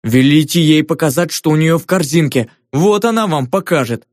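A male audiobook narrator voicing a fat, grumpy and quick-tempered gatekeeper. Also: fairly high pitch, a little mellow, dry recording, studio quality, lightly acted. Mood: indignant, blustering. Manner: grumbling, indignant, blustering.

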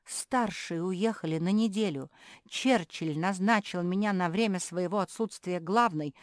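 A woman's voice: on the low side, unhurried, dry recording, clean studio sound, lightly acted. Woman doing a bossy pug sister in charge. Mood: commanding. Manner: commanding and pompous.

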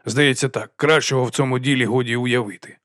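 A man voicing a blustering older male archchancellor wizard who rambles at an unhurried pace. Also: medium pitch, steady tone, a bit bright, dry recording, studio quality, natural voice. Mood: musing.

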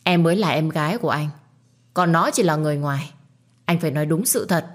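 A woman voicing a spiteful, bratty young woman in a storybook reading, with a shrill, taunting, whiny delivery. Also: fast talker. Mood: pleading.

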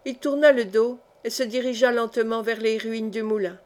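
A woman narrating a historical novel as an audiobook reader, in a measured, even storytelling voice. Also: fairly high pitch.

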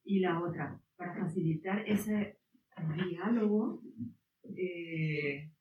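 Speaking slowly in a voice on the low side, a woman from the audience poses a rambling question at a public debate, groping for her words. Guaraní is her first language. There's slight background noise, and the recording is distant, echoey and phone-like.

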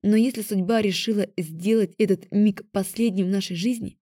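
Calm woman reading an audiobook. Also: mid-range voice, moderate pace, no echo, clean studio sound. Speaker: audiobook narrator. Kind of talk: scripted first-person audiobook narration.

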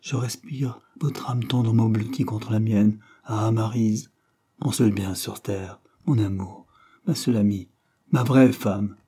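A man reading a lovesick young prince's lines aloud in a fervent, declamatory way, raised and louder than his narration. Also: on the low side, fairly even intonation, a little slow, breathy edge.

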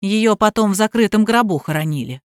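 A woman reader voicing a stolid chauffeur who speaks in an unhurried, matter-of-fact, colloquial way in an audiobook. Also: mid-range voice, animated, dry recording, clean studio sound, natural voice. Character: stolid male chauffeur, calm and plain-spoken. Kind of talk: audiobook character voice.

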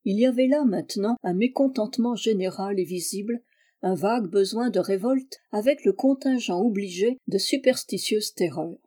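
Woman reading an old novel aloud, measured and even, mellow warm voice. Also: medium pitch. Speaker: audiobook reader.

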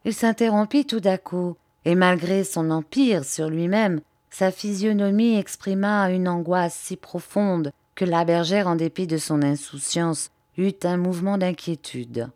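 A woman narrating an adventure audiobook in a steady, measured reading voice. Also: fairly low pitch, no echo, studio quality. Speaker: audiobook reader. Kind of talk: scripted narration.

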